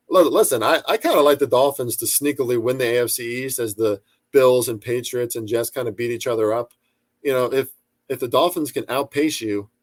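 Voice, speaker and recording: A man's voice: mid-range voice, no echo. A young man giving loose, profane sports betting commentary, full of fillers, restarts and chatty asides.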